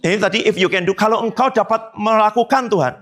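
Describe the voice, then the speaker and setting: A man's voice: sits high, fast, a bit bright. A male pastor preaching a sermon, questioning the congregation and reading scripture aloud. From Indonesia. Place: church hall.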